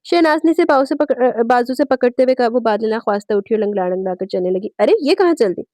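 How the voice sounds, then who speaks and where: Fast-reading woman narrating a novel. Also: fairly high pitch, dry recording, clean studio sound. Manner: steady storytelling with small self-corrections. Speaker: audiobook narrator.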